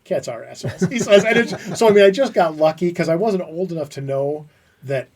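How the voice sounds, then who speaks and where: Animated storytelling man, set back from the mic. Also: high-pitched, fairly quick, far from the mic, a crowd in the background. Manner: animated storyteller who acts out quotes. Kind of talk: casual podcast chat.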